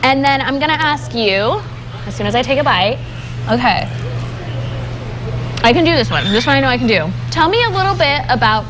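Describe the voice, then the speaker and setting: A woman's voice: high-pitched, expressive, a little fast, pauses often, background noise. A woman hosting an upbeat TV interview in a studio, chatty and playful. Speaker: TV host.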